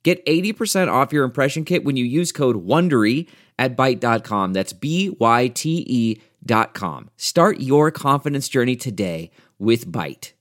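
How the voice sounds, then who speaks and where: A man's voice: medium pitch, animated, a little slow, dry recording, studio quality. A man reading a scripted advertisement as an announcer. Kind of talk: scripted ad read.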